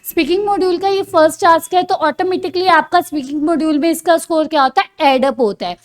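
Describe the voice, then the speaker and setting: High-pitched woman teacher, lesson delivery, self-answering questions, addresses students as kids. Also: fast. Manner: asks questions and answers them herself; addresses listeners as children. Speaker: exam coaching teacher. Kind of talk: classroom-style lesson.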